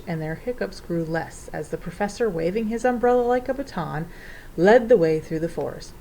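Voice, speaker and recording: A woman narrating a children's storybook in an expressive, theatrical way. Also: on the low side, a little hiss or hum, poor audio. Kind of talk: storybook reading.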